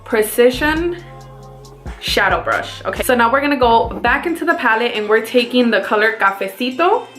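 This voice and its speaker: A woman's voice: on the high side, animated, fast, hardly any pauses, a bit bright, faint music behind. A woman with a Mexican accent, chatting casually through a makeup tutorial as a beauty vlogger and talking viewers through each step.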